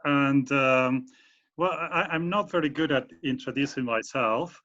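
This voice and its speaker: An Argentine university professor, a guest speaker with an Argentine Spanish accent, explains his academic work in a video call interview full of fillers and restarts. His medium-pitched voice is a little slow, bright and forceful, and the call audio is muffled.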